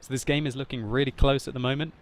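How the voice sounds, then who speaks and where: Man doing animated game commentary. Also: mid-range voice, fast. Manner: animated, laughs often, spikes loud when excited. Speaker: gameplay commentator. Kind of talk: video game commentary voice-over.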